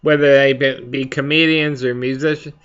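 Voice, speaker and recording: A man hosting a casual, rambling chat for viewers, speaking haltingly as he searches for his words. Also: mid-range voice, fairly even intonation, fairly bright tone, smooth, dull audio. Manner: halting, slow to find words. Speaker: pipe hobby video host.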